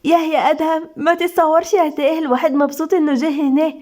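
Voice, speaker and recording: A woman's voice: sits high, steady tone, quick pace, dark tone, natural voice. A woman voicing a sweet, happy young wife with an Egyptian accent in an audio love story. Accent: Egyptian Arabic. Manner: delighted, sweet.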